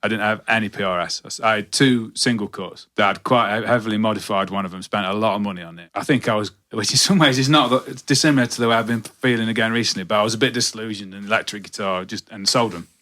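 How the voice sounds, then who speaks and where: Man with a thick Nottingham accent, bright voice. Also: lowish voice. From Nottingham, England. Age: 50s. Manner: self-deprecating, halting, doubles back on himself. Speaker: guitarist and guitar teacher, guest. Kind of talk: casual chat, rambling anecdotes.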